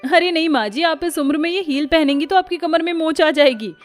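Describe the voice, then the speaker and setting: Woman voicing a high-pitched young daughter-in-law. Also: a little fast, faint music behind, natural voice. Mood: pleading, exasperated. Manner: pleading, scolding tone.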